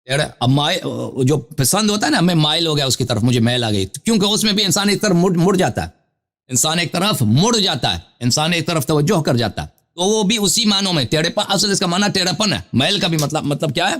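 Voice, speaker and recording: A man's voice: fairly high pitch, lively intonation, a bit bright. A man hosting a live call-in show, reading Arabic citations and explaining them at length, with questions for the caller. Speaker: Shia cleric host of a live call-in show. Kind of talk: scholarly lecture reading Arabic sources.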